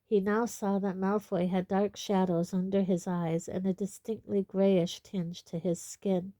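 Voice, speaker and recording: A woman reading a novel aloud in steady audiobook narration. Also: medium pitch, measured pace, no echo. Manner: steady storytelling. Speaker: audiobook reader.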